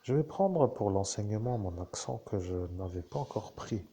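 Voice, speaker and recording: A man's voice: on the low side, expressive, moderate pace, warm tone, slight background noise. A man giving a rambling spiritual monologue to his listeners, digressive and full of asides and self-corrections. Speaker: spiritual speaker addressing listeners.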